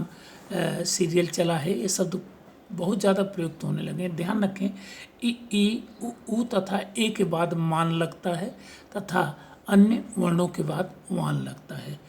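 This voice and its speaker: A man's voice: fairly high pitch, unhurried, gravelly, a little mellow, a little hiss or hum. A male teacher giving an exam-prep lecture on spelling, reading out examples and often checking that his listeners follow.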